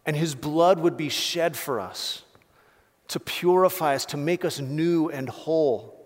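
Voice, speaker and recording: A man's voice: a little high, unhurried. A man delivers an impassioned sermon in a slightly raised voice, talking to the congregation in a loose, conversational way. The sound carries a long reverb from a church hall. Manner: impassioned, conversational preaching with restarts and "like". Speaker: pastor.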